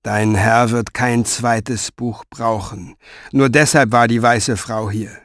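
A man reading an audiobook, voicing a wounded grown man who speaks slowly, quietly and firmly. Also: fairly even intonation, dry recording, clean studio sound. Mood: defiant. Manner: slow, low, quietly firm. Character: weary, wounded grown man, defiant and calm.

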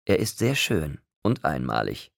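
A man's voice: a bass voice, big pitch swings, a little slow, vocal fry, no echo, studio quality, heavily acted. A man voicing a confident young woman in an audiobook, speaking emphatically and assertively. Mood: emphatic.

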